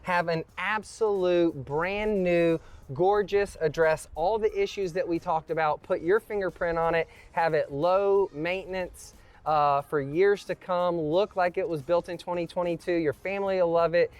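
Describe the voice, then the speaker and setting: Real estate host explaining prices. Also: male voice, high-pitched, fairly even intonation, normal speed. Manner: joking, explains prices at length. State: out of breath after climbing. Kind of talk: walkthrough commentary.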